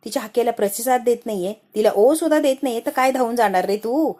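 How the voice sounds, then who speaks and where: A woman's voice: fairly high pitch, fast, mellow, close to an everyday voice. A woman reading the lines of an angry middle-aged mother scolding her son. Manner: scolding, reproachful.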